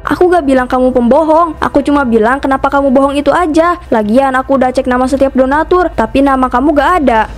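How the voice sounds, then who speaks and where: A woman voicing Ratih, a calm and honest young woman who reasons patiently in a cartoon. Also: high voice, fast talker, faint music behind, lightly acted. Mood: reasoning.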